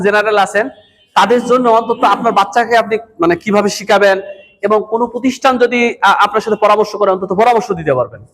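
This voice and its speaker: A man training madrasa teachers keeps quizzing his listeners throughout his lecture in a madrasa hall. His voice sits high and is a bit bright, and the hall is echoey with long reverb.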